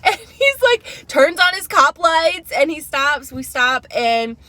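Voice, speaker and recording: A woman co-hosting a podcast in casual chat, telling a story in an animated way and acting out what other people said. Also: sits high, slow, no room sound. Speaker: podcast co-host.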